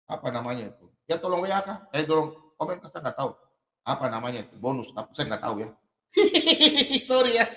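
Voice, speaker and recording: Brief: male preacher with a high, lively voice, shouting key words and dropping low in between. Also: reverberant. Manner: swings between shouted emphasis and low asides; drawn-out, stressed words. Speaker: pastor. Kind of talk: energetic sermon.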